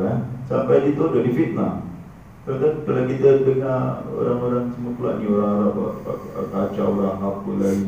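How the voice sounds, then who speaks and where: A man giving a religious lecture, telling anecdotes in a lively way with frequent chuckles and asides to the audience. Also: on the low side, a little hiss or hum. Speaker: religious teacher. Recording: echoey, distant, dull room recording.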